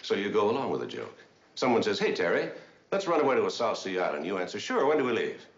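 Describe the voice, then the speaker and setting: An actor playing a confident middle-aged navy commander defending a client in court, cross-examining with smooth, wry ease. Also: male voice, fairly low pitch, big pitch swings, quick pace. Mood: coaxing. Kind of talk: 1970s TV courtroom drama. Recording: echoey lo-fi TV soundtrack.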